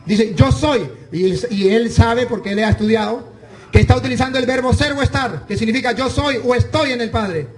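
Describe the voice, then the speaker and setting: High-voiced priest arguing scripture. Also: male voice, a little fast. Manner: insistent, argumentative, reads scripture aloud. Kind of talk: heated religious debate.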